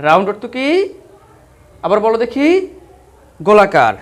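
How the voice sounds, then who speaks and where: A man's voice: high-pitched, very animated, moderate pace. A male teacher giving an online vocabulary lesson, spelling each word letter by letter and then repeating questions about how it is said and what it means.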